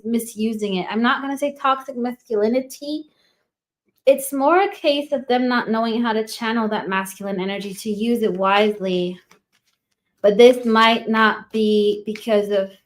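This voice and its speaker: A woman giving a casual tarot reading, thinking aloud and trailing off between cards. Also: medium pitch. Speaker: tarot reader.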